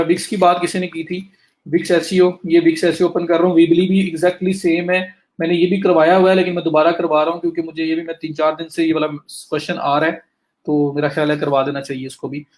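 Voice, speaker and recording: A man teaching a live online class, walking students through each click step by step and saying he is speaking fast to cover more, in with a flavour. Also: fairly high pitch, little pitch movement, a little mellow. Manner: talks students through clicks step by step, addresses them directly. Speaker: digital marketing instructor. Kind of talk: live screen-share lecture.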